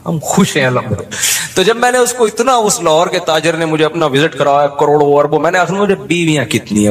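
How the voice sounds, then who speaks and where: A man delivers an animated religious talk, full of anecdotes and jokes. His voice sits somewhat high for a man, and he often laughs at his own punchlines. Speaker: Islamic scholar giving a talk.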